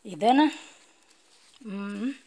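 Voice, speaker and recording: A woman's voice: medium pitch, warm tone. Moroccan woman teaching French grammar. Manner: slow, deliberate dictation when reading French rules; mixes formal Arabic with Moroccan Arabic and French terms. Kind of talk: classroom lesson explaining French grammar.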